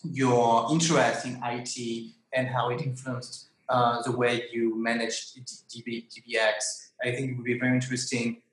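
A man hosting a conversational interview, haltingly rephrasing as he goes. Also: medium pitch, level tone. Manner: halting, rephrases questions repeatedly. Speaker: interview host. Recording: echoey, roomy sound.

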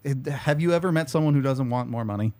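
A man with a mid-range voice works through sponsor reads as a podcast host. He sounds conversational and off the cuff, turning the sales pitch into a loose, jokey chat. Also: fast, a little mellow. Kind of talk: casual ad-libbed ad read.

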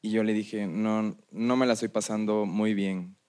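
A man talks casually on a podcast among friends. He speaks softly and hesitantly, reflecting as he goes. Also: fairly low pitch, steady tone, measured pace, clear, resonant tone.

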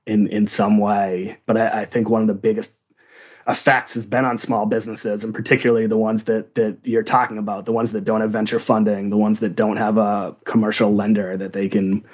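A man hosting an interview, asking questions in a calm, even way. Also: fairly low pitch, fairly quick.

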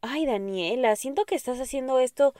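A woman's voice: high-pitched, normal speed, mellow, dry recording, lightly acted. A woman voicing a heartbroken young woman listener who protests plaintively, in a dry recording.

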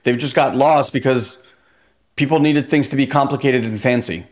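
A man's voice: mid-range voice, normal speed. A man hosting a podcast in casual talk, chatty, saying "like" often and acting out little quotes. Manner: chatty, says "like" a lot, acts out quotes. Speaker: podcast host.

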